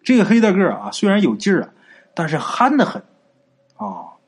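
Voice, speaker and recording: A man narrating a folk ghost story in a colloquial, animated way with drawn-out particles. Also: sits high, slightly rough.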